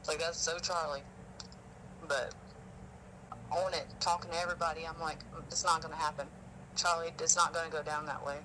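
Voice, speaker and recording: A man's voice: fairly high pitch, little pitch movement, brisk, long pauses, noisy background. A man telling stories on a phone call in a rambling, emotional way. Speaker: witness. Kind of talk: casual phone conversation.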